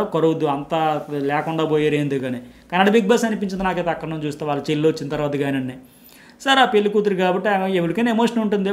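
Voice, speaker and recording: A man giving a casual spoken review of a TV episode, animated, repeating words for emphasis and acting out what people said. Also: on the high side. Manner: acts out quoted family talk. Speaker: TV show reviewer.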